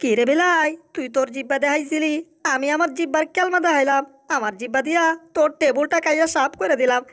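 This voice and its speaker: Woman voicing fierce high-pitched monster fish. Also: fast, lightly acted. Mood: menacing. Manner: scolding, taunting. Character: fierce, threatening monster fish, loyal to friends. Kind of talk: Bangla cartoon dub.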